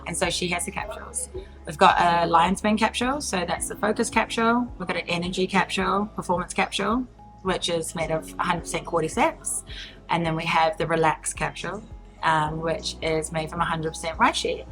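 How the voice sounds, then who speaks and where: Speaking a little fast in a lowish, steady voice, a thirtysomething New Zealand woman appears as an entrepreneur guest in a relaxed interview. She fills her talk with fillers and frequent laughter, while faint music plays under poor-quality audio.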